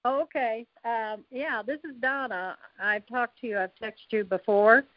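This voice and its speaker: A woman's voice: fairly high pitch, unhurried, no echo. A woman phoning in to a radio show, asking questions hesitantly and repeating words. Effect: caller heard over a phone line. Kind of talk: casual phone-in questions. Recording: dull lo-fi phone line, dry.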